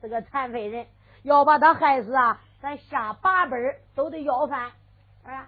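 A woman's voice: high voice, moderate pace, breathy edge. A woman with a Henan accent voicing a scrappy, cheeky male beggar who chatters along. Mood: coaxing. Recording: phone-like lo-fi with faint music.

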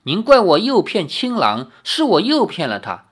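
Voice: mid-range voice, wildly swooping pitch, moderate pace, slightly rough, pitched above the performer's own voice. A storyteller voicing a sly young demon woman who teases and scorns, in a storybook reading. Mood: teasing. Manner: teasing, coy, scornful.

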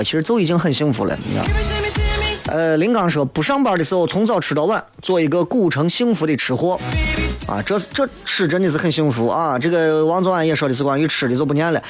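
A man with a Shaanxi accent from Xi'an hosts a casual radio chat, reading out and answering listener messages in a playful, teasing, colloquial way. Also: a little high. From Xi'an, Shaanxi, China. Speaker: radio show host. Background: background music.

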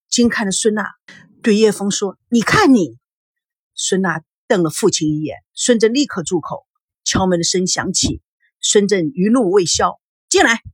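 A woman reading a novel aloud in a dramatic, animated storytelling manner. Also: mid-range voice, breathy edge, dry recording, clean studio sound. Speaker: audiobook reader.

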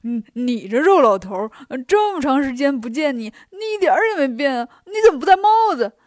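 A woman's voice: very high voice, very animated, slow pace, darkish tone, no room sound, voice pushed up, heavily acted. A woman voicing a greedy, cheeky male pig monk in a storybook, drawling his teasing jokes.

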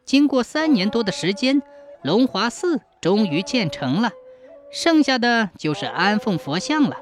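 Lively folk-tale narrator, faint instrumental bed. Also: medium pitch, unhurried, faint music behind. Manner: dramatic, expressive. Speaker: storyteller.

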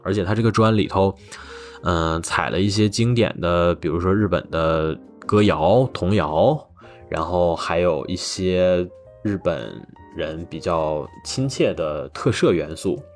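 A man hosting a podcast, chatting loosely about hip-hop with many fillers and restarts. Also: deep voice. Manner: rambling, relaxed, many fillers. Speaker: podcast host.

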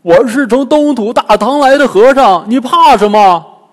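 Dad doing a loud greedy pig monk, high pitched and pushy, storybook style. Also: male voice, lively intonation, a little slow, big-room sound. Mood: eager.

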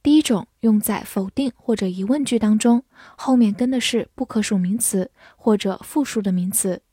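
A woman English teacher giving a scripted vocabulary lesson, speaking clearly and patiently and reading example sentences slowly so they can be repeated. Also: medium pitch, warm tone, no room sound, studio quality.

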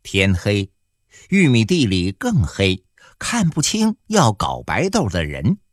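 A man narrating an audiobook in a colloquial, animated storytelling manner. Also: lowish voice, slow pace, no echo, studio quality.

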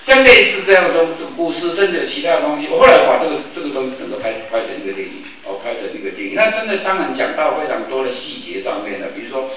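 An older man from Taiwan, telling stories at a public forum in a lively way and acting out the voices of the people in them. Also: on the high side, fast, hardly any pauses, over a noisy crowd. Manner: lively storyteller who acts out quoted voices. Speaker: forum speaker. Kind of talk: storytelling public talk. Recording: echoey hall, distant mic, background noise.

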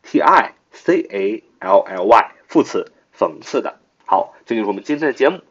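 Guy teaching english words, spells slow, says "啊" a lot, lively voice, muffled lo-fi sound. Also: fairly low pitch, slightly rough. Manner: spells letters slowly and repeats the word many times; frequent filler "啊" between phrases. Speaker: English vocabulary teacher, podcast host. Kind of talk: spoken vocabulary lesson. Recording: muffled lo-fi audio.

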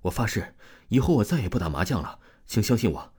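A man's voice: low-pitched, very animated, moderate pace, a little mellow. A man voicing a frightened village gambler who talks in a trembling, hasty, placating way. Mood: terrified.

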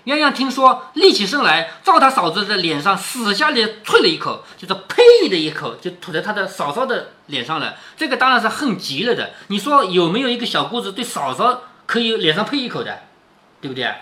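A man's voice: high-pitched, very animated, brisk, sharp tone. A man reading a classic novel aloud and explaining it in a chatty way, often checking in with the listener. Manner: chatty, keeps asking "right?". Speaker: book reader and commentator.

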